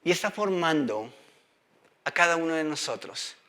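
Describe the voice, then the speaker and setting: A man preaching a sermon in a high, bright voice. He reads scripture aloud and keeps turning to the audience with questions to draw them in. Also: expressive, normal speed.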